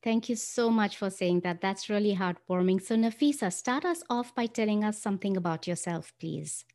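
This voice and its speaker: A podcast host conducts an interview in an even, mid-pitched voice. She paces her introductions carefully and slows down on the words she wants to stress.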